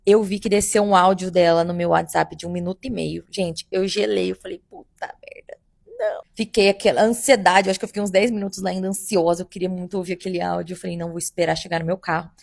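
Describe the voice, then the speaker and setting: Gravelly-voiced woman telling a story. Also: lowish voice, quick pace, few pauses, no echo, studio quality. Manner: animated, addresses listeners as "gente". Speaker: bridal makeup artist. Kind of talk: casual first-person storytelling.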